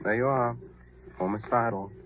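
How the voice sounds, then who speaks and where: An actor playing a crooked asylum doctor, coolly clinical and sly, in 1940s radio acting on a dull lo-fi old broadcast. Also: male voice, medium pitch, steady tone, normal speed, slight background noise, lightly acted. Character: crooked, smooth-talking male asylum doctor.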